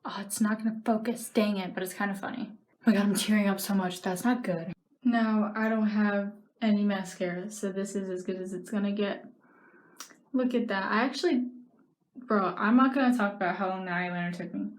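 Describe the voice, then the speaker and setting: A woman's voice: mid-range voice, fairly even intonation. Chatty young woman in an echoey room. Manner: chatty, self-mocking, quick asides. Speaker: vlogger. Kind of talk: rambling makeup vlog chat. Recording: echoey room with faint noise.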